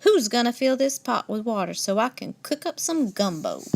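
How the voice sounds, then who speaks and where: A woman voicing an old, grumpy male alligator cooking gumbo in a storybook read-aloud, with a slow, determined drawl. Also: on the high side, very animated, creaky, darkish tone, a little hiss or hum.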